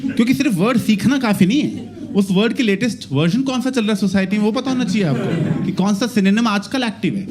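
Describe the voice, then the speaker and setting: A young adult man doing stand-up comedy, telling stories in a lively way that mixes Hindi and English. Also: high-pitched, fast, a crowd in the background. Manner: animated, mixing Hindi and English.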